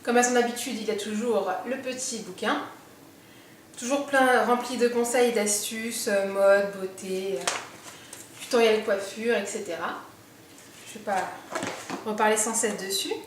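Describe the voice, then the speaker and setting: A woman's voice: mid-range voice, steady tone, recorded from a distance, slight background noise. Chatty woman vlogger in an echoey room. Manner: chatty, thinks aloud with many pauses. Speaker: beauty vlogger. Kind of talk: casual unboxing chat. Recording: very echoey room, voice set back from the mic.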